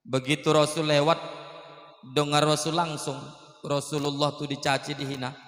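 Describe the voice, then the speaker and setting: Animated preacher in an echoey mosque hall. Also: male voice, fairly high pitch, normal speed. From Indonesia. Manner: animated storyteller acting out voices. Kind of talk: sermon storytelling.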